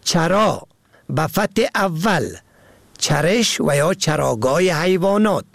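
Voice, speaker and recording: Male radio presenter, careful spelled-out lesson reading; fairly high, gravelly, dry close sound. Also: lively intonation, no echo. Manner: slow, careful spelling out of words. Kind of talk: scripted language lesson reading.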